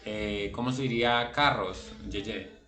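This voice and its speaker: A man's voice: fairly low pitch, slow, pushed and bright, roomy sound. Patient male language teacher. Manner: patient, explains step by step, asks students by name. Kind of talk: online class teaching.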